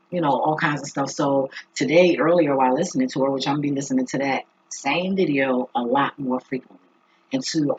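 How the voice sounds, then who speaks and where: Husky voiced vlogger just rambling thoughtfully, really slow and halting, kinda lo-fi audio. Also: mid-range voice. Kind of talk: casual reflective talk to viewers. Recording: dull lo-fi recording.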